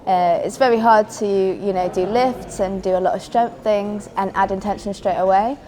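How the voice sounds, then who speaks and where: A woman's voice: medium pitch, steady tone, moderate pace, warm tone. A young woman from England, a new dancer, talking earnestly in a documentary interview about her training.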